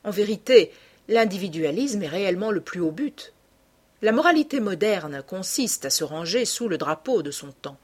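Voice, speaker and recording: Cast: a languid, epigrammatic gentleman of leisure, amused and mocking, read by a woman. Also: mid-range voice, lively intonation, moderate pace, husky. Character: witty, cynical aristocratic gentleman. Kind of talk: audiobook character reading.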